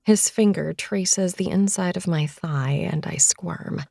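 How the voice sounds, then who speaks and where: A woman narrating a first-person romance audiobook in a playful, expressive way. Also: fairly low pitch, takes it slowly, creaky, no echo, clean studio sound.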